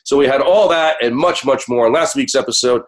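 An American man hosting a radio show, sick and hoarse, his voice cracking as he talks conversationally to listeners. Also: mid-range voice, brisk.

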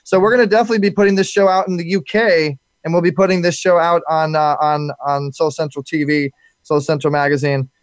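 A man's voice: on the high side, fairly even intonation, quick pace, no echo. A man hosting a live show, talking loosely with many fillers and repeated words. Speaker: show host.

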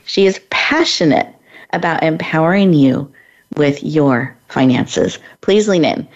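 A woman's voice: sits low, animated, a little slow. A woman hosting an interview, introducing and encouraging her guest in an effusive way. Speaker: podcast host. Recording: dull lo-fi audio.

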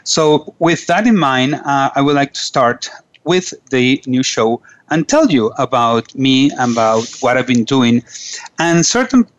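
A Venezuelan-born man who hosts a radio show and coaches businesses reads a scripted monologue in a radio studio, earnest and formal, often restarting. His mid-range voice is expressive and unhurried, though the audio sounds dull.

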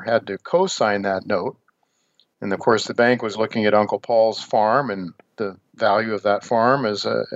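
A man in his seventies from the United States hosting a financial radio show, explaining in a measured way with hesitant pauses. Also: on the low side, no echo. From United States, Ohio. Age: 70s. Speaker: radio show host and newsletter editor. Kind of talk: radio monologue on financial markets. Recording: dull lo-fi radio audio.

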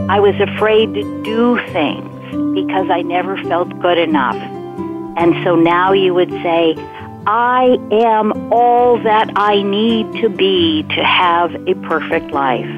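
A woman guiding a meditation in a measured, instructive way, pausing between phrases. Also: mid-range voice. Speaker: meditation guide. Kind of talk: guided meditation and spiritual teaching. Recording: tinny phone-like line with music behind.

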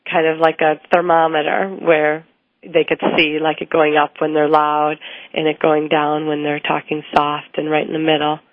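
Low flat-voiced woman on a tinny line. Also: moderate pace, no echo. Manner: explanatory, with frequent ums and restarts. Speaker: speech language pathologist guest. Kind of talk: interview answers. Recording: tinny phone-like line, dry.

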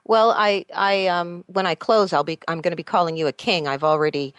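A woman's voice: on the low side, fairly even intonation, fairly quick, a bit bright, clean tone, dry recording. A woman hosting an interview, asking curious, chatty questions. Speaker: interview host. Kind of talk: radio interview.

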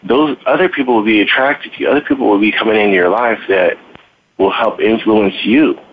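Deep-voiced father on a tinny line. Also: a little fast. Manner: earnest, storytelling with lots of "you know". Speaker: guest, father. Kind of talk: casual podcast conversation. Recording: tinny phone-line sound with faint noise.

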